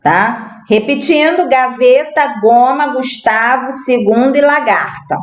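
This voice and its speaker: A Brazilian woman teaching a primary school class, speaking slowly and patiently, spelling words out one at a time. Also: high-pitched. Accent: Brazilian Portuguese. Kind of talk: recorded remote class lesson. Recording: echoey room.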